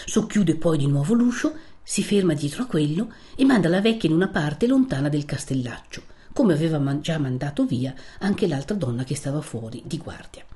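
A woman narrating a literary audiobook in a measured, expressive way. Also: sits low.

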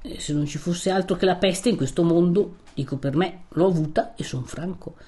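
A woman's voice: lowish voice, moderate pace, warm tone, close to an everyday voice. A woman voicing a stubborn young peasant man who keeps pressing with urgent questions. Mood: insistent.

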